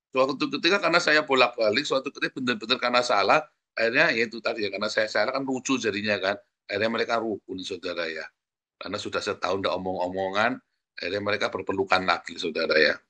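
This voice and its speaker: Male pastor with an Indonesian accent, bright voice, chatty sermon delivery with humor. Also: fairly low pitch, fast talker. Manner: conversational and humorous, often adds "saudara ya" and laughs while telling a story.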